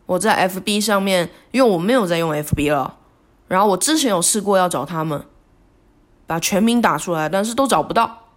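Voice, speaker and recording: A woman talks alone on her podcast. Her reflective monologue is halting and remorseful, and she often stops and restarts her sentences. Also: on the low side, expressive. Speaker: podcast host.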